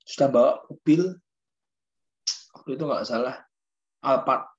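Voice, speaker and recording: A pastor, a man, telling a testimony during a sermon in an animated storytelling manner, with quick retorts. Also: mid-range voice, slightly rough, highs cut off.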